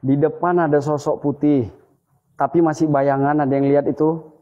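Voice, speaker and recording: A man hosting a ghost-hunting video, speaking in a hushed, alert way and calling out greetings to spirits. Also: on the high side, little pitch movement, normal speed, highs cut off. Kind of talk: live paranormal investigation commentary.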